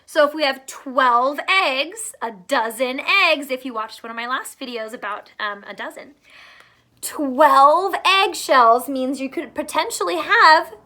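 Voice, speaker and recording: A woman teacher reads a picture book aloud to young children in a high, bright, pushed voice. She stops to explain things simply and ask questions, stretching out words for emphasis.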